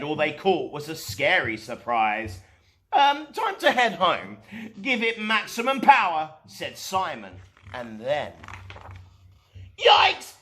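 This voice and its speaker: A man with a high-pitched voice narrates a rhyming children's story as a storytime host. His delivery is expressive and dramatic.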